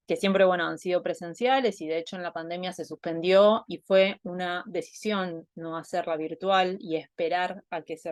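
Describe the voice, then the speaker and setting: Low-voiced Argentine woman thinking aloud. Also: no echo, studio quality. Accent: Argentine Spanish. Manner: thinking aloud, many fillers and restarts. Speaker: anthropologist giving a talk. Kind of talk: online talk presentation. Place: home, Buenos Aires.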